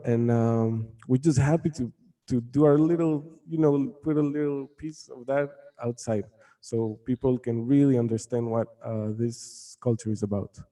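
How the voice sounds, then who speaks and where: A man from Mexico, a guitarist, answering interview questions casually in a halting way with many fillers. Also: medium pitch, mellow. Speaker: guitarist and band member. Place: room in Jerusalem.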